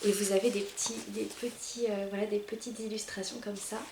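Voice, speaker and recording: Soft-voiced French woman chatting about books. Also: little pitch movement, brisk, reverberant, noisy background. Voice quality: low, soft voice. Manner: chatty, hesitant with frequent fillers and restarts. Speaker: book vlogger. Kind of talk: casual monthly reading-list chat.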